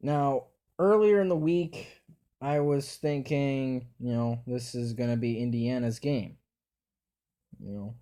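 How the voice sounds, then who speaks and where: A man's voice: mid-range voice, slow, mellow. A man giving casual football predictions, thinking aloud in a hesitant way that repeats words and restarts sentences. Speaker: sports predictions host. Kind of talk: casual spoken football picks.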